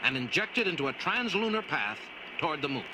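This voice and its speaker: Male documentary narrator, slightly high voice, animated intonation, scripted dramatic delivery. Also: brisk, very noisy. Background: music.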